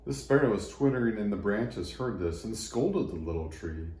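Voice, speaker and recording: A man with a low, mellow voice reads a scripted children's story for church kids. His narration is animated and moderately paced, recorded in an echoey room with faint background noise.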